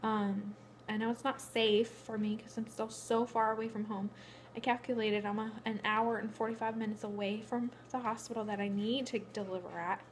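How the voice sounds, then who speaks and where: A woman's voice: fairly high pitch, little pitch movement, moderate pace, a little hiss or hum. Breathless pregnant woman vlogging casually. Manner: rambling, matter-of-fact, restarts often. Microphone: phone camera.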